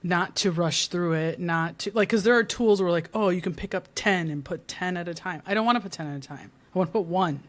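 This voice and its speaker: A woman's voice: on the low side, brisk, hardly any pauses. A woman who works in marketing, a podcast guest who talks in a bubbly, rambling way with many fillers and frequent laughs. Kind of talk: casual podcast conversation.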